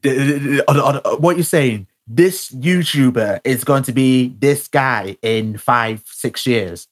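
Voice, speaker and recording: A young man, talking casually about music with a friend. He stumbles, restarts and repeats words often, padding his speech with fillers. His voice sits at an ordinary middle pitch. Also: takes it slowly.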